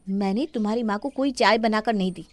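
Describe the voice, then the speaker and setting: A woman voicing a sharp-tongued young daughter-in-law who talks back sarcastically, in an animated story. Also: medium pitch, a little fast, no echo, clean studio sound, close to an everyday voice. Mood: defiant.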